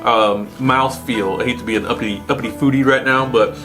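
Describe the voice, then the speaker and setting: A man's voice: mid-range voice, fairly even intonation, brisk, bright, forceful tone, soft background music. A man hosting a casual food review chat, conversational and putting questions to his co-host. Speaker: host of a snack review show.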